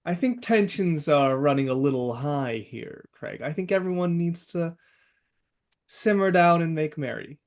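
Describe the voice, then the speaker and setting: A man's voice: on the high side, animated, measured pace. A man playing a tabletop role-playing game, speaking in character.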